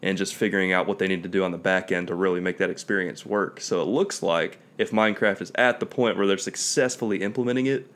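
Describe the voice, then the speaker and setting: Young male co-host, lowish voice, loose rambling chat. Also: fast talker, few pauses. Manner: relaxed, rambling, laughs often. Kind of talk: casual gaming chat.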